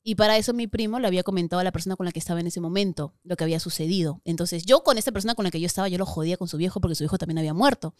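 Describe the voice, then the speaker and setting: A woman's voice: fairly low pitch, very fast, hardly any pauses, no echo, clean studio sound. A young adult woman with a Peruvian Spanish accent, a podcast guest who tells stories in casual chat, laughing often and acting out what people said. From Peru. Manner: animated, laughs often, acts out quoted voices.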